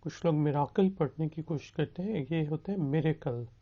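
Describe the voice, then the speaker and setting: A man teaching a recorded beginners' language lesson. He patiently drills phrases slowly and asks learners to repeat after him. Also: on the high side. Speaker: spoken English teacher. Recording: dull, lo-fi recording.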